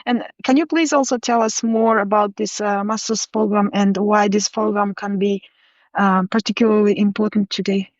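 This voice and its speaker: A young woman from Kazakhstan hosts an interview, her voice mid-pitched as she asks questions with frequent fillers and pauses. The call sound is dry and somewhat dull. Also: steady tone, no room sound. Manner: hesitant, many fillers. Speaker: podcast host.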